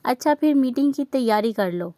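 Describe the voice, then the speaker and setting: A woman's voice: high voice, lively intonation, moderate pace, warm tone, no echo, clean studio sound. A woman reading aloud voices a stern, businesslike older brother who questions firmly. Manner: firm, questioning.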